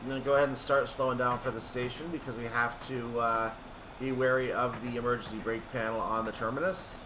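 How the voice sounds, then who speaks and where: A man's voice: mid-range voice, little pitch movement, a little fast, background noise. A man giving explanatory, methodical gameplay commentary, thinking aloud as he plays a train simulator. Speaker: video game streamer playing a train simulator.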